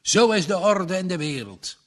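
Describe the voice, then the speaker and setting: Casting: indignant old farmer, loud and high, swinging wildly, a man reading it. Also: animated, normal speed. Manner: shouting, indignant, pitch jumps up. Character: angry stubborn old farmer father.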